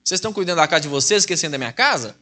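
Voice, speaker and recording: A man's voice: fairly high pitch, lively intonation, bright, forceful tone. A man with a Mineiro Brazilian accent voicing God as he scolds his people in a plain, folksy way during a sermon. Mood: chiding. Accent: Mineiro Brazilian Portuguese. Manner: quick, chiding, folksy.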